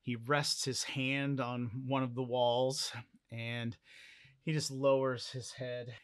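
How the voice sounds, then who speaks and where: Guy narrating his solo rpg, slow and deliberate, dry close sound. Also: mid-range voice, fairly bright tone, no echo. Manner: measured, deliberate storytelling. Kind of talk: solo tabletop role-play narration.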